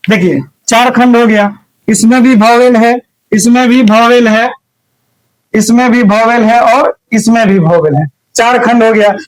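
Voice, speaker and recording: A man's voice: very high-pitched, steady tone, slow pace, low-quality recording. A young adult man with a Bihari accent teaching grammar, explaining step by step and often checking whether the class is following. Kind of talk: recorded grammar lesson.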